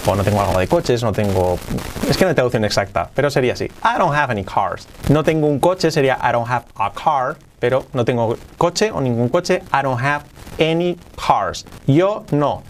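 Male English teacher, native Spanish speaker, animated mid-pitch voice, slow repetitive drilling. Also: slight background noise. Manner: lively, drills phrases slowly and repeats them. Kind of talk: casual video lesson.

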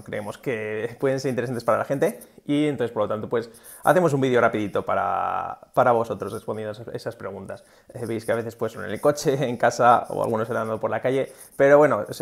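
A man's voice: medium pitch, gravelly. A man giving a casual video lesson on English pronunciation, explaining with many fillers and modelling English words. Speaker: English teacher.

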